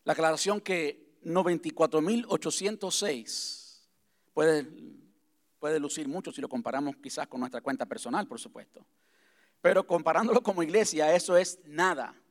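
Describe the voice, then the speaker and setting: A man speaking as pastor to his congregation in a church, talking conversationally and repeating key points slowly. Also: on the high side. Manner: conversational, repeats himself, slows to spell things out. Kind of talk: church vision address to congregation. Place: church sanctuary.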